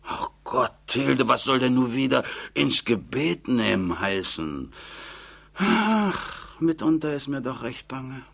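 A man voicing a fretful, whining old mother with a high, plaintive, sighing voice. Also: very animated, slow pace, vocal fry, a bit bright, full character voice.

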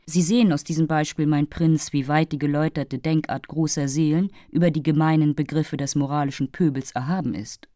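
A woman's voice: low voice, steady tone, fairly quick, hardly any pauses, dark tone, no echo, studio quality, close to an everyday voice. A woman voicing a haughty, moralizing female fairy who lectures and takes offense easily. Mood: lecturing.

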